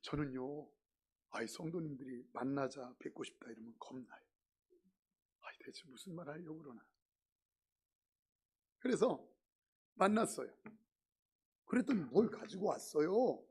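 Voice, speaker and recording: A man's voice: on the high side, lively intonation, unhurried, long pauses, darkish tone, husky. A middle-aged male pastor preaching a sermon in a church, mixing humorous stories with emphatic points. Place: church sanctuary.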